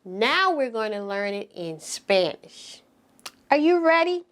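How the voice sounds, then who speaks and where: A woman speaks as an encouraging kindergarten teacher to toddlers. Her voice is on the high side with lively swings in pitch. She goes extremely slowly, in short simple phrases that small children can follow. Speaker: preschool teacher and host. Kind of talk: preschool circle-time lesson for toddlers.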